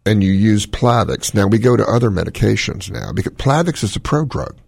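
A cardiologist fronting a call-in radio show talks briskly in a lowish, smoky, gravelly voice with lively intonation, giving drawn-out, opinionated explanations. The recording is dry and the studio sound is clean.

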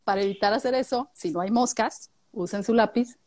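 A woman chatting casually about speaking skills, lively and acting out little voices as examples. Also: fairly high pitch, a little fast. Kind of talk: casual chat giving speaking tips.

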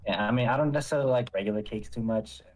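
A man's voice: mid-range voice, very fast, a little mellow, soft background music. A man co-hosting a podcast, bantering casually with laid-back slang. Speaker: podcast co-host. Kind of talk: casual chat.

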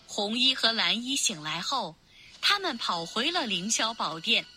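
A woman narrating a children's storybook in a clear, expressive, unhurried way. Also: a little high, over music.

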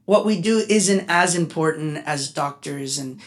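A man, a musician guest on a casual podcast interview, talking in an animated, chatty way that turns heartfelt. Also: fairly high pitch, a little slow. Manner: animated, talkative, gets emotional.

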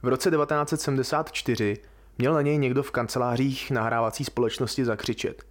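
A man of ordinary middle pitch hosts a podcast by himself. He talks through his subject in a relaxed, colloquial way and muses aloud as he goes. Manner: informal, colloquial, musing. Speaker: podcast host. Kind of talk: casual podcast monologue.

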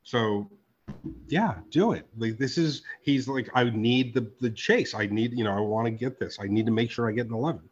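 Animated, profane man on a podcast. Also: normal speed, slightly rough, dull audio. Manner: animated, profane, swings from loud outbursts to low asides. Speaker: podcast host and card artist. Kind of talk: casual podcast chat.

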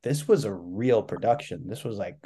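Rambling through a casual interview on his podcast, a New York City host leans heavily on "like" as he talks loosely. His voice is lowish, dark and slightly rough, with lively intonation at a normal speed.

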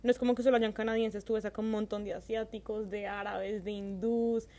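A woman from Colombia chatting in a relaxed way on a podcast. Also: mid-range voice, a little fast. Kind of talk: casual podcast chat.

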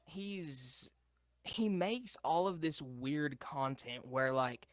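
Young man, casual podcast chat, rambling, swears a lot, higher voice, dry sound. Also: slow, dry recording. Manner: rambling, swears, laughs often. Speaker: podcast co-host.

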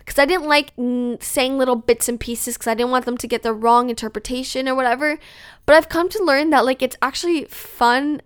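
A young adult woman with a high-pitched Valley Girl voice, chatting casually as a solo podcast host and peppering her talk with filler words. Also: clear, resonant tone, no room sound, clean studio sound.

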